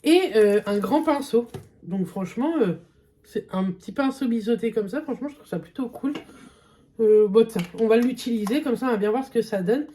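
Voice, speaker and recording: A young woman talks her way through a makeup test in a relaxed vlog, pausing often with little fillers. Her voice sits a bit high, with a faint hiss of noise under it. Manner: chatty, hesitant with many fillers. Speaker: beauty vlogger. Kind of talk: casual makeup vlog chat.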